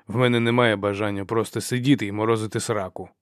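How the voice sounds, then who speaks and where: A man's voice: fairly low pitch, fairly even intonation, quick pace, dry recording, clean studio sound, natural voice. A man reading an audiobook, voicing a huge, impatient male warrior who grumbles bluntly. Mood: grumbling.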